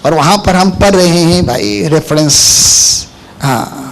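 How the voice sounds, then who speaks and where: A man's voice: a little high, animated, takes it slowly. A male pastor preaching a sermon, firing rhetorical questions at the congregation and hammering points home with repetition. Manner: emphatic repetition.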